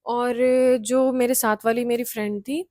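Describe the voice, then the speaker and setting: A woman's voice: on the high side, fairly even intonation, moderate pace, a little mellow, no echo, clean studio sound. A young woman casually telling a hostel ghost story, chatty, slipping in English phrases and laughing often.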